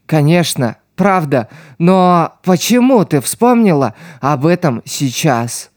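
A man reading an audiobook voices a desperate, loyal teenage street boy who shouts and pleads in a raised voice. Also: on the high side, sing-song, slow, no room sound, studio quality. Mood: puzzled.

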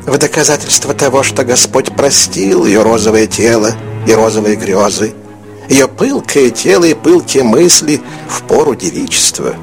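A man narrating an audiobook in an expressive, melodic storytelling manner. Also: medium pitch, normal speed, gravelly, music in the background. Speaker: audiobook reader.

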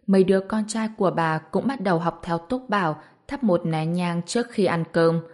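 A woman narrating a storybook in a calm, steady reading voice. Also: lowish voice, moderate pace.

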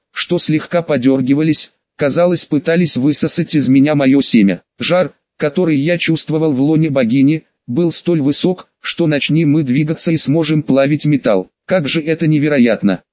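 A man's voice: on the high side, no room sound, lo-fi sound. Man reading an audiobook, dry sound. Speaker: audiobook narrator. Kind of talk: scripted narration.

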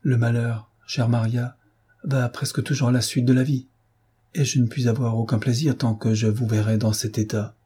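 A composed elder sister who reasons gently and consoles, her voice soft-edged and husky, voiced by a male audiobook reader. The words come out measured and patient. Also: medium pitch, flat delivery. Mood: consoling.

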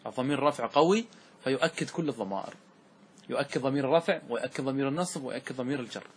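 Man, grammar lesson, step-by-step explanations, slow verse recitation, faint noise in the background. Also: mid-range voice. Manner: explains step by step, asks students quick questions; recites verse lines slowly. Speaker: Arabic grammar teacher.

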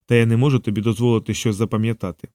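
A man reading an audiobook, voicing a calm, mysterious thief who speaks quietly and with detachment. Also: medium pitch, racing, no room sound, studio quality, close to an everyday voice. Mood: quietly apologetic.

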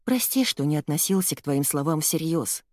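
A woman reading an audiobook, voicing an impatient young boy who speaks in a pleading, excited way. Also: deep voice, moderate pace, no room sound, studio quality. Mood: regretful. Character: lost boy stuck young, eager and impatient.

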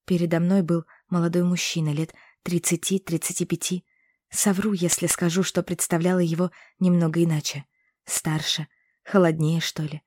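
A woman narrating a first-person fantasy romance audiobook in an expressive, intimate way. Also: on the low side, moderate pace, no room sound.

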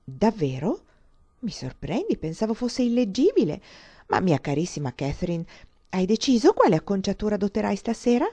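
A woman voicing a flattering, effusive young woman in a dramatized audiobook reading, talking in a confiding, theatrical way. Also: medium pitch, moderate pace. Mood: gushing, confiding.

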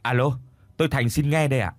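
A man's voice: medium pitch, fairly quick, no echo, pitched above the performer's own voice, close to an everyday voice. A man voicing a grieving adopted son, tearful and pleading, in a narrated ghost story. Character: grieving adopted son, middle-aged husband.

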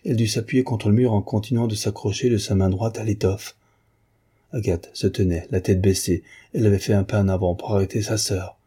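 A male narrator reading a classic novel aloud with measured expression. His voice is low, mellow and a little husky. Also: steady tone. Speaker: audiobook narrator. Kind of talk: literary audiobook narration.

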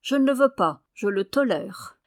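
Une femme qui prête sa voix à une jeune épouse coquette et piquée, au ton faussement angélique. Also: female voice, mid-range voice, expressive, moderate pace, no room sound, clean studio sound, natural voice. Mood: teasing. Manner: piqued, affected sweetness. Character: coquettish, prickly young wife at bedtime.

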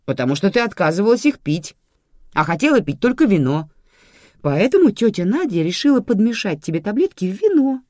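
A woman voicing a calm, matter-of-fact grandmother in an audiobook, placating and dismissive. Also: medium pitch, fairly quick, no room sound, studio quality, pitched above the performer's own voice, lightly acted. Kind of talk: audiobook reading.

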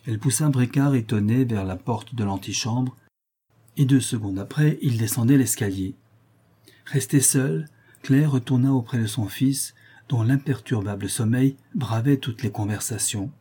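A man reading a novel aloud as an audiobook narrator, in a measured way that gently voices the dialogue. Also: mid-range voice, husky.

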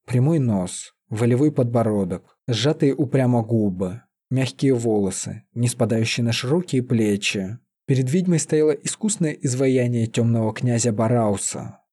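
A man calmly reading a fantasy story aloud as an audiobook narrator. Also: medium pitch, breathy edge. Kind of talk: scripted narration.

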